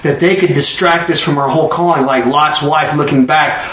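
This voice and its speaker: A man teaching an informal bible lesson in an animated way, often slipping into voices. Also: a little high, normal speed. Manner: animated, jumps into acted-out voices. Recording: roomy echo from a distant mic.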